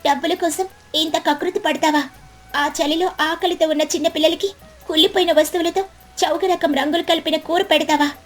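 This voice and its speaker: A protective mother sparrow from a cartoon story speaks firm and indignant, a little higher than the narration, as a woman puts her on. She sounds determined and ready to stand up for her child. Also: steady tone, moderate pace, soft background music, lightly acted. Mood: fierce.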